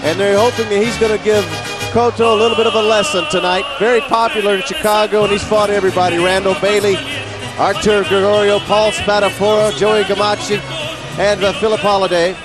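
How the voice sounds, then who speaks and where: A man's voice: high voice, level tone, fairly quick, a crowd in the background. A man giving live play-by-play boxing commentary, running through fighters' records and rules. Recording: loud music behind commentary. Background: loud entrance music.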